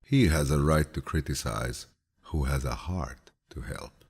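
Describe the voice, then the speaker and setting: A man with a gravelly, deep, husky voice performs an audiobook of quotations. The reading is unhurried and gentle, carrying a soothing, grandfatherly feel.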